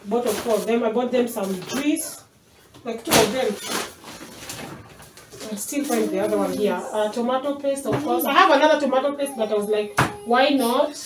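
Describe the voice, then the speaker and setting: Recorded from a distance on a camera mic across a small indoor kitchen, a Kenyan home vlogger in her 30s does a chatty grocery haul at a moderate pace. She has a higher voice and keeps unpacking items and drifting from the camera, so she sounds off-mic amid echo and background noise.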